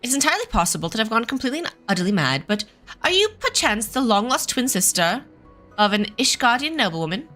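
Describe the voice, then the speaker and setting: A woman voicing a pompous, theatrical and oblivious gentleman inspector from a game, with florid phrasing. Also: on the high side, very animated, fast talker, soft background music. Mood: theatrical, confident.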